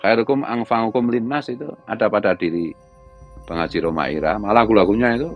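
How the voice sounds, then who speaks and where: Middle-aged Javanese-accented man, religious commentator, loud and scolding, low voice with soft music underneath. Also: a little fast, lo-fi sound. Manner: loud, high-pitched scolding delivery. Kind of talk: heated monologue.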